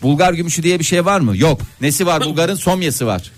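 A man's voice: fairly high pitch, expressive, fairly quick, soft background music. A man co-hosting a casual comedic chat in a studio, handing out playful, mock-serious advice. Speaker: podcast co-host. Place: studio with a window. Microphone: studio microphone.

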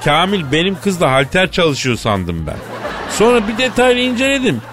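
A man hosting a comedy radio show, telling a story in a theatrical, slangy way that swings between mock sorrow and excitement. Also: high voice, normal speed, over music, crowd noise. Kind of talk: comic storytelling in a radio sketch.

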